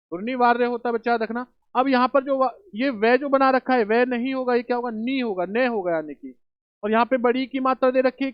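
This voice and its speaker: A man's voice: very high voice, smooth, no room sound. A man teaching a spelling lesson for exam prep, asking rhetorical questions and answering them himself, calling students children and brothers. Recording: dull dry home recording.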